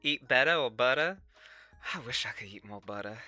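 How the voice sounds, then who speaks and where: A livestream host chats casually with viewers, reading and answering their comments in a put-on Southern US accent, a folksy Southern Belle drawl packed with sugary pet names. The voice is medium-pitched, animated and sharp-toned at a moderate pace, recorded with no echo over soft background music.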